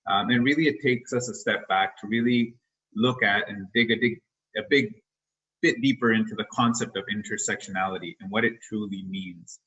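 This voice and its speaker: A man's voice: lowish voice, normal speed, a bit bright, lo-fi sound. A man moderating a panel discussion, putting a question to the speakers.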